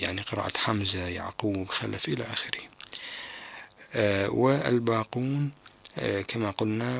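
A man teaching Quran recitation on a call-in broadcast, explaining pronunciation carefully and deliberately. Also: on the low side, creaky, sharp tone.

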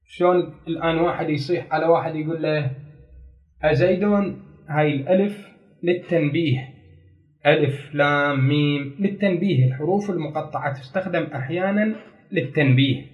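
Teaching grammar in a classroom lecture, a man with a slightly high voice explains things step by step, repeats key terms, and puts questions to the class. The sound is lo-fi.

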